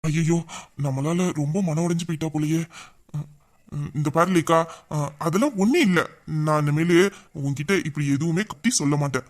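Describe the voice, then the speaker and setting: A man's voice: fairly high pitch, normal speed, lightly acted. A man voicing a young man in an audio drama who patiently comforts and reassures his tearful best friend. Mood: soothing. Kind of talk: emotional audio drama acting.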